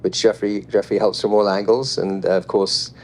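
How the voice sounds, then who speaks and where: A man's voice: fairly low pitch, moderate pace, a little hiss or hum. Laid-back male panel moderator. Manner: relaxed and chatty, reading statistics off a phone with light jokes. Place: panel event in front of a live audience.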